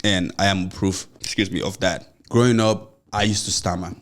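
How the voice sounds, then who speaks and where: A young adult man hosts a motivational podcast by himself, speaking in a low, steady voice at a moderate pace. His Nigerian accent and slight stammer come through as he encourages listeners earnestly in loose, run-on sentences thick with "you know."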